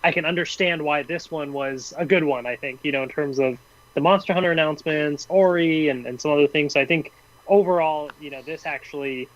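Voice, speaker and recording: A man's voice: a little high, fairly quick. A man co-hosting a casual podcast, thinking aloud and hedging his opinions with "I think" and "you know". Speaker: podcast co-host. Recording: dull, muffled sound.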